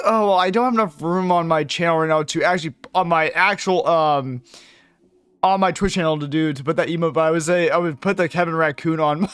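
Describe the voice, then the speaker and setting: A young man with a high, smooth, clear voice chats with viewers during a live game stream. He rambles, swears without a second thought and breaks into laughter easily. The sound is dry and close, with faint music under him. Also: fairly bright tone, dry recording. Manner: rambling, curses freely, laughs often.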